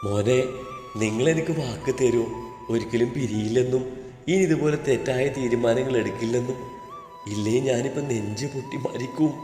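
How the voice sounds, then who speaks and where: A man voicing a frail, shrewd old grandmother in a storybook, talking soft and slow, with echo, long reverb and faint music. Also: medium pitch, expressive, lightly acted. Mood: pleading. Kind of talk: storybook narration.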